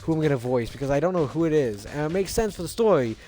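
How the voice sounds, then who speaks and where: A man's voice: on the high side, lively intonation, fast, mellow, faint music behind. A man playing a video game and commenting casually, with rambling, self-interrupting asides. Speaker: video game let's player. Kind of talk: casual game commentary with character read-alouds.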